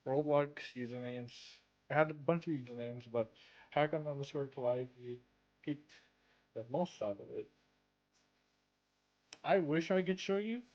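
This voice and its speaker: A man's voice: mid-range voice, darkish tone, highs cut off. Man, slushy lisp on s, slightly slurred, casual vlogger, rambling restarts. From Canada. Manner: halting, rambling, repeats and restarts phrases. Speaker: content creator and streamer. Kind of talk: casual self-introduction vlog.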